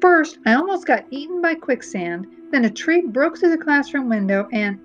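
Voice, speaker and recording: A woman voicing a frightened schoolboy who shouts in alarm in a storybook reading. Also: fairly high pitch, big pitch swings, unhurried. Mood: eager. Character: frightened schoolboy, panicky and breathless. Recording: dull, muffled reading recording.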